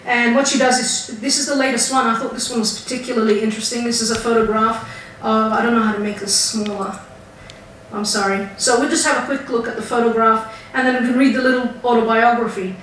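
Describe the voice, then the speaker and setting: Female academic lecturer, casual and halting, off-mic in a boomy hall with faint hiss. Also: fairly even intonation, a bit bright. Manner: conversational, hesitant with fillers. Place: lecture room. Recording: very echoey room, distant mic, faint hiss.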